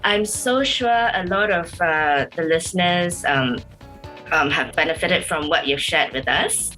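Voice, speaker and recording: A woman's voice: lowish voice, a little slow, sharp tone, faint music behind. A Singaporean woman interviewing casually, explaining things in an informal, hesitant way with repeated phrases.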